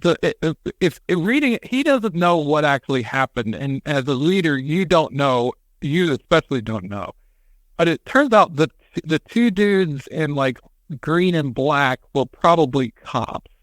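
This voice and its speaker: A man on a podcast, retelling a story in casual chat, animated and acting out quotes with casual swearing. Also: fairly high pitch, unhurried, no echo. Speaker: podcast co-host.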